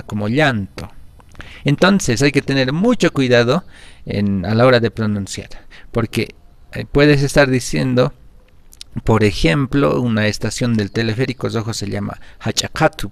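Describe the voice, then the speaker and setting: A man teaching Aymara pronunciation, slow and careful, repeating each word for his learners. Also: mid-range voice, gravelly, no room sound. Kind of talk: pronunciation lesson.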